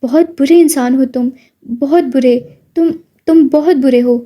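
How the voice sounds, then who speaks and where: A woman's voice: high voice, mellow, natural voice. A woman voicing an innocent, frightened young woman, speaking in a sobbing, pleading way. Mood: tearful.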